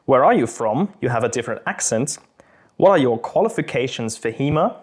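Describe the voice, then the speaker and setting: A young Austrian man, a channel host and fencing instructor, answers viewer questions in a casual, relaxed Q&A to camera. His medium-pitched, husky English blends a British-tinged accent with his native German. He is friendly and thoughtful, if a little hesitant, pausing often with small ums.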